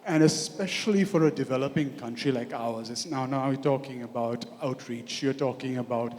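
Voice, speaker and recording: A man's voice: mid-range voice, normal speed, a little mellow. Indian man in his forties, reverberant hall. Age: 40s. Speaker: audience member, architect. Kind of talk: impromptu comment at a conference. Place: large hotel conference hall. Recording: echoey hall with long reverb.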